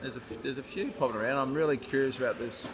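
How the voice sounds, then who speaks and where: A man's voice: medium pitch, quick pace, background noise. A man with an Australian accent hosting a podcast, chatting casually in a laid-back, colloquial, rambling way. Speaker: podcast host.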